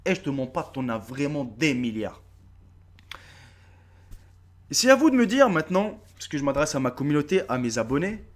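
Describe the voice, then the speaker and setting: A man in his thirties with a North African French accent, talking straight to his viewers in a casual, swearing, repetitive vlog. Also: mid-range voice. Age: 30s. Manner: animated, swearing, repeating himself, addresses viewers directly. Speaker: YouTube video creator. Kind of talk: casual face-to-camera vlog.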